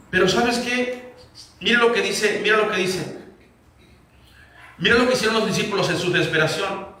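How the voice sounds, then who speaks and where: A man's voice: sits high, sharp tone. A man preaching a sermon as pastor, firing repeated rhetorical questions at his congregation. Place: church sanctuary. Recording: echoey church hall, mic at a distance.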